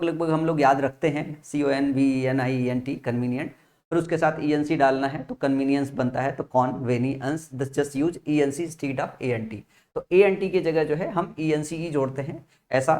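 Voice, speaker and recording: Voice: medium pitch, darkish tone. A teacher giving an exam-prep lesson, spelling words out letter by letter and often checking in with the listener. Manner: explains with memory tricks, repeating key points.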